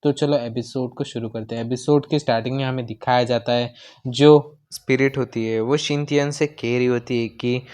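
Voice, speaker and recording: Smooth-voiced man recapping a manga. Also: medium pitch, steady tone, moderate pace, a little mellow. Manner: retells scenes, briefly voicing each character's lines. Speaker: manga explainer. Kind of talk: casual recap narration.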